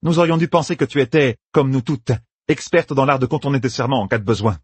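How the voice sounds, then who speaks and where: A man's voice: medium pitch, fast talker, breathy edge, no room sound, pitched above the performer's own voice, lightly acted. A man voicing a small, imperious woman who speaks in a cold, scolding way. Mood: contemptuous. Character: small, imperious older woman sister, quick to anger.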